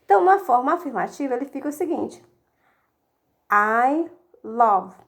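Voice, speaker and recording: A woman's voice: sits high, lively intonation, gravelly, a little mellow. A woman teacher giving a recorded video lesson, explaining step by step and answering her own questions. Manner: explains step by step, asks the class questions and answers them herself; reads English example sentences slowly and deliberately. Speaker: English teacher.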